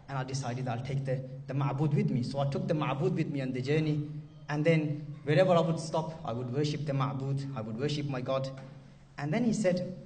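A man's voice: fairly high pitch, dark tone, far from the mic. Man preaching from off the mic. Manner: emotive, repeats and restarts phrases. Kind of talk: sermon storytelling.

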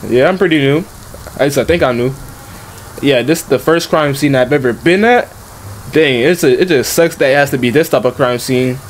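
A man giving casual let's-play commentary, talking in slang and reacting out loud to the game. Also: mid-range voice, brisk, a little hiss or hum. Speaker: gaming YouTuber.

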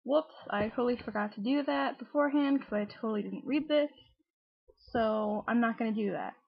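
Husky young Midwestern American woman, creaky. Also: fairly high pitch, fairly quick, no echo. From Cleveland, Ohio, United States. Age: young adult. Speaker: vlogger. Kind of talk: casual accent challenge, reading word lists and answering questions. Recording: dull lo-fi home recording, dry.

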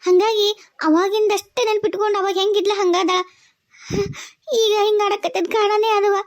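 A woman's voice: very high-pitched, level tone, normal speed. A woman with a North Karnataka Kannada accent voicing all the characters of a cartoon family drama in a tearful, pleading way. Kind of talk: emotional cartoon voice acting.

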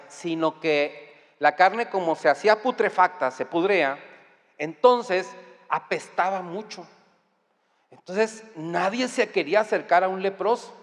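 A man with a Mexican accent delivers a sermon in a high, bright register. He talks to the congregation in a conversational way and pushes to loud, emphatic peaks. A long reverb hangs on his voice in the hall. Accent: Mexican Spanish. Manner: conversational, addressing the congregation directly. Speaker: preacher. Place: church hall.

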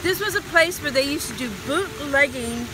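A woman's voice: sits high, lively intonation, normal speed. A woman in her sixties from Michigan, chatting enthusiastically as she gives a casual tour outdoors. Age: 60s. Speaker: vlogger. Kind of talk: casual travel vlog. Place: outdoors at a lakeside venue. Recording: noisy outdoor recording.

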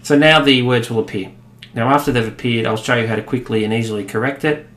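An Australian man in his thirties, with a mid-range voice, walks through a software demo at his desk as a product demonstrator. He is relaxed and explanatory, pausing often on "uh" and "um." His voice bounces around an echoey office over a faint hum of room ambience.

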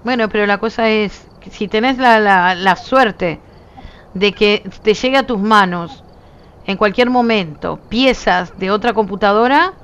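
Hoarse Uruguayan woman chatting emphatically. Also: medium pitch, a little slow, fairly bright tone. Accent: Uruguayan Spanish. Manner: emphatic, talks with her hands in her voice, frequent "¿viste?". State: nearly lost voice. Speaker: streamer. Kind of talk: casual chat with viewers.

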